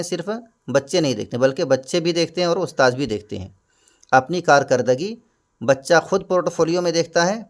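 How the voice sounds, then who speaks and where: Patient man explaining exam answers. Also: fairly high pitch. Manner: patient, repeats and glosses terms. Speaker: exam prep teacher.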